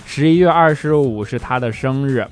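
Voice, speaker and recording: A man's voice: medium pitch, moderate pace. A male show host reading listener comments aloud and teasing them with jokes, laughing often in a playful manner. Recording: music bed under the voice.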